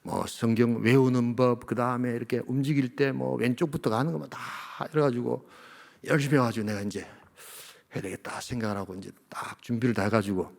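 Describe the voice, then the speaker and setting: A man in his fifties from the Gyeongsang region, a senior pastor preaching a sermon. He tells stories and swings between loud, emphatic lines and hushed near-whispers. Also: mid-range voice, brisk, vocal fry. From Gyeongsang region of Korea.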